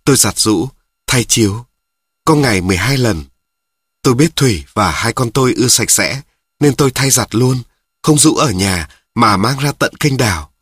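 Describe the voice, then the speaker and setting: A man narrating a first-person story in a plain, measured, somber way. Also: mid-range voice, animated, fairly bright tone, breathy edge, dry recording, studio quality.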